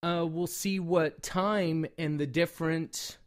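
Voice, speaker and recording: Casual man with a higher-pitched voice. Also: steady tone, slow pace. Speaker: product reviewer and call maker. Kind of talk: casual product review talk.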